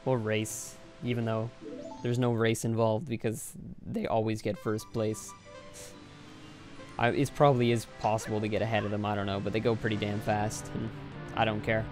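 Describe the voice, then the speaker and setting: A man's voice: lowish voice, flat delivery, moderate pace, soft background music. A young man giving rambling, offhand, casual commentary over his own gameplay. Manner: rambling, offhand, self-deprecating. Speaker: Let's Play commentator.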